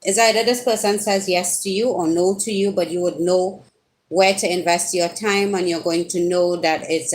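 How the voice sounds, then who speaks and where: A Trinidadian woman with a medium-pitched voice hosts a live tarot stream, chatting casually with viewers over a webcam mic with poor audio. She teases them directly and breaks into sudden rising exclamations, while a faint hiss runs underneath.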